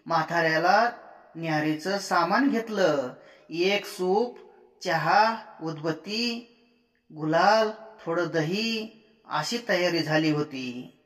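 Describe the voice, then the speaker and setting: A man narrating a village story in a plain, measured storytelling manner, recorded in a roomy space. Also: on the high side, a bit bright. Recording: roomy echo.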